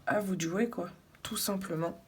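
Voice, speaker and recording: A woman narrating her coloring tutorial casually, soft-spoken and absorbed in her work, often murmuring to herself. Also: medium pitch, normal speed, noisy background. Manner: absorbed, narrating each step as she works. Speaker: coloring video creator.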